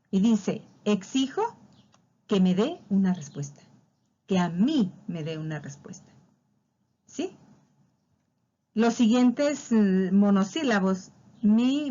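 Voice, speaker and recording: A woman's voice: medium pitch, darkish tone, dull audio. A woman teaching a spelling lesson, patiently walking through examples and drawing out key words. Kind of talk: spelling lesson explained over slides.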